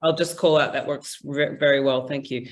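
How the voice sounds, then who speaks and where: A conference speaker talks through a presentation over a video call. The delivery is informal and conversational, full of ums and small restarts, at an ordinary middle pitch. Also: fairly even intonation, moderate pace. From New Zealand. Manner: chatty, informal, frequent ums. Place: indoor room, remote.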